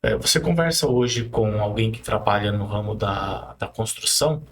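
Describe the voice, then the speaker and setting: A man's voice: fairly low pitch, lively intonation, normal speed, a little hiss or hum. A man in his forties hosting a podcast, polite and reflective, with hesitant restarts. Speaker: podcast host. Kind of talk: interview conversation.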